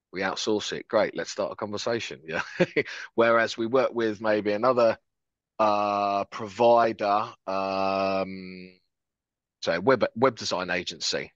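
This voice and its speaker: Joining a podcast by video call with a headset from his home office, a Frenchman talks in an upbeat, chatty way and pokes fun at himself. He has a lowish, fairly bright voice. The audio carries no echo but sounds dull and a little lo-fi.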